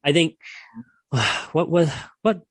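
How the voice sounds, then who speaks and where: A man's voice: a little high, expressive, takes it slowly, dry recording. A man co-hosting a podcast, chatting casually about film awards, laughing often and using lots of fillers. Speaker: podcast co-host.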